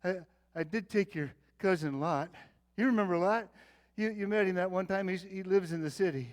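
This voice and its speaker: A man acting out Abraham, the aging patriarch, talks to his boy in an earnest, fatherly way. The voice sits high for a man, and the monologue swings from loud calls to soft confiding. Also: moderate pace, close to an everyday voice. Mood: earnest storytelling. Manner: theatrical monologue, calling out, then tender and confiding. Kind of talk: dramatic Bible-character monologue.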